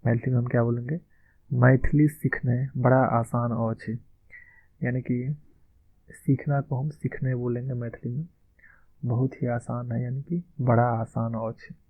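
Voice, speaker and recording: Man teaching slowly over tinny audio. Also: medium pitch, flat delivery, dry recording. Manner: slow, careful model sentences with repeated words. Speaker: language teacher. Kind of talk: spoken language lesson. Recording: dry, tinny phone-like sound.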